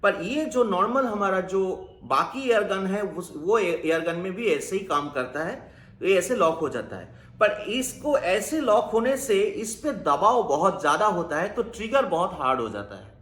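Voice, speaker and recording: A man with a high voice walks through an air rifle's trigger mechanism in a patient, explanatory way. He mixes English technical terms into his talk. His voice rings in an echoey room. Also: big pitch swings, moderate pace, fairly bright tone. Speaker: air gun reviewer. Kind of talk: technical product review.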